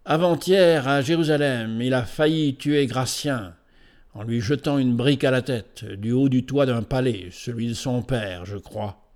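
A blunt soldier-officer answers curtly and dryly, his clipped lines delivered with some force, as a male narrator voices him. It is a storybook reading with a steady middle voice. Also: medium pitch, a little slow, close to an everyday voice. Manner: curt, dry, clipped. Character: curt Roman officer, dry and blunt.

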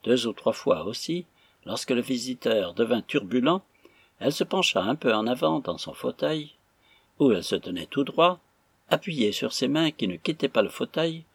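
A man narrating an audiobook in an expressive, animated way. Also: medium pitch, slightly rough, no echo. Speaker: audiobook reader.

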